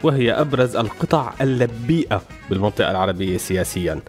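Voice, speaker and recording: A man's voice: lowish voice, expressive, quick pace, a little mellow. A man with a Syrian Arabic accent hosting a radio show, giving wry, explanatory satirical commentary from a script. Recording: music behind the voice.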